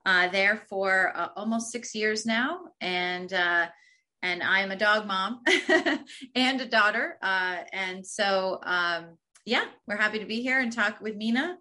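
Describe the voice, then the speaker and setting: A woman hosting a podcast, introducing the guest in a halting way with many fillers. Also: mid-range voice, pushed and bright. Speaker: podcast host.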